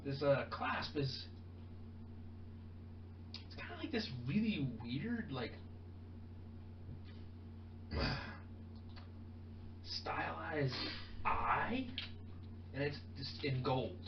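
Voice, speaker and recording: A man running a tabletop role-playing game as game master, narrating in a halting way with many fillers and restarts. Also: a little high, animated, reverberant. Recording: muffled, noisy, distant mic.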